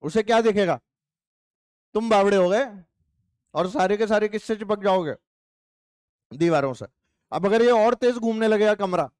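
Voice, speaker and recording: High-pitched, playful male teacher. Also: darkish tone, smooth, no room sound, studio quality. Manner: playful, chatty, teasing students. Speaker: physics teacher. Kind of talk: classroom lecture. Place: classroom.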